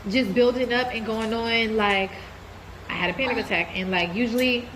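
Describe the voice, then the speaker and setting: Against a noisy background, a woman whose voice sounds stuffy from a cold chats casually to camera about her life. She speaks at a fairly high pitch and normal speed, staying relaxed and candid and calling her audience "y'all."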